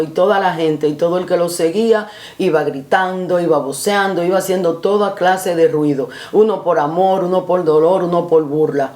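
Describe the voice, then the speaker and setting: A woman's voice: fairly low pitch, darkish tone, reverberant. A woman giving an earnest spoken reflection like a sermon, using repetitive rhetorical phrasing and addressing the listener formally. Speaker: preacher.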